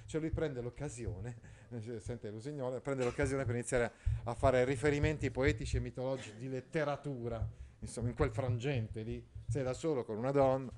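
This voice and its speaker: A man's voice: mid-range voice, fairly even intonation, brisk, darkish tone. A man reading a novel aloud and explaining it in a chatty, conversational way, often checking in with his listeners. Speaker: literature teacher.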